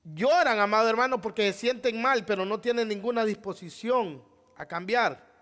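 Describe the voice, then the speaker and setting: Male pastor preaching, really high voice, keeps asking the church questions. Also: normal speed, fairly bright tone. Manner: preaching with rhetorical questions, often addressing "amado hermano". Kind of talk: sermon.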